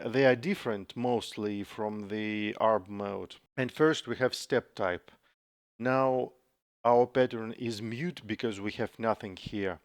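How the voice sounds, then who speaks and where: A man explaining music software step by step in a tutorial, with frequent pauses and fillers. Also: mid-range voice, clean tone, no room sound, clean studio sound. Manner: slow, methodical explaining with frequent uhs. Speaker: software developer demonstrating a plugin. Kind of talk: screen-recorded tutorial. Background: guitar samples playing from the software.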